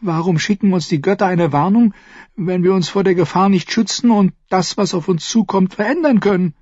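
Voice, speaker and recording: A fierce, bold young girl with a high, heated voice, as a man reading aloud puts her on. She challenges every point forcefully. The sound is husky, dry and dull. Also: big pitch swings, normal speed, no room sound, full character voice. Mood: angry.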